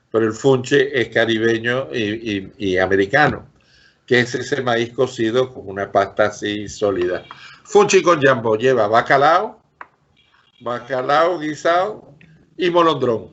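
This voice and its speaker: A man's voice: mid-range voice, moderate pace, fairly bright tone, muffled recording. A man explains things didactically as an interview guest, like a professor listing terms and examples.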